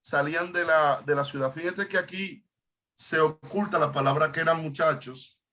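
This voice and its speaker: A man's voice: fairly high pitch, normal speed, pushed and bright, slight background noise. A male pastor leading an online Bible study, stopping often and repeating words as he explains Hebrew terms.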